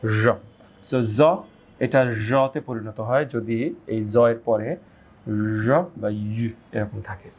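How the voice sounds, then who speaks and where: A man from Bangladesh gives a slow, explanatory English pronunciation lesson in a medium-pitched, fairly even voice that is darkish and husky. He draws out each example word and keeps checking in with "right?".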